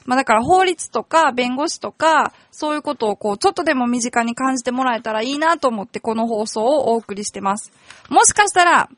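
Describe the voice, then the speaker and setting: A woman's voice: high voice, animated, brisk, fairly bright tone, no echo. A woman lawyer hosting a radio show, patiently explaining legal terms step by step and sometimes correcting herself mid-sentence. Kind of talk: casual explanatory radio talk.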